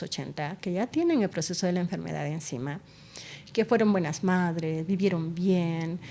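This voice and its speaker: A woman's voice: on the low side, darkish tone. A woman neurologist, a guest in an interview, explains things and tells stories about her patients expressively. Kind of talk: conversational interview.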